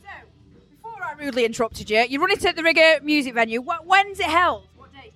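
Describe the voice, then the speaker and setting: A woman from Stoke-on-Trent, England, hosts a podcast interview with chatty, effusive energy in her local accent. Her voice is high, bright, forceful and expressive, and she talks fast, with faint music behind her in this casual chat.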